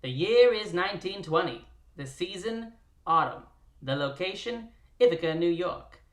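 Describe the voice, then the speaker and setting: Host doing a 1920s radio announcer: theatrical, punchy, middle pitch, roomy echo. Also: lively intonation, normal speed, natural voice. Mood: dramatic. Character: old-timey 1920s radio announcer narrator.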